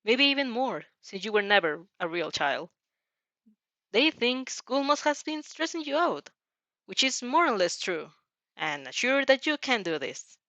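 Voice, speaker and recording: Reading fan fiction aloud in an animated, informal way, a mid-pitched female voice trips over sentences and stops to comment casually as herself. The recording is dry and a little dull.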